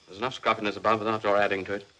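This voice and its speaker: An actor playing a stern colonel who gives strict, clipped orders to fellow prisoners in a film. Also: male voice, on the low side, flat delivery, rapid-fire, bright, forceful tone, slight background noise, rough recording. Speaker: senior officer in a prison camp.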